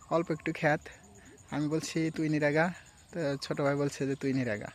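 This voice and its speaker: With a fairly high-pitched voice and a bit of hiss or hum on the recording, this young Sirajganj vlogger rambles through an outdoor chat near rice fields. Relaxed, he switches between his regional Bengali and the standard form.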